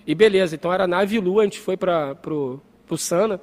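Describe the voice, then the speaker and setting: A young man tells a story with a very high voice and a rapid pace. He acts out voices and sounds as he goes, under a long reverb. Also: darkish tone. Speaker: podcast storyteller. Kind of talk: casual storytelling chat.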